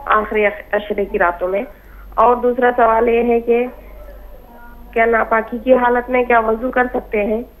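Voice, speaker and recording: A woman's voice: on the high side, little pitch movement, unhurried. A woman calling in who formally lists her questions one by one. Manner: formal, orderly listing of questions. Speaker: caller. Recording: tinny, gravelly phone line.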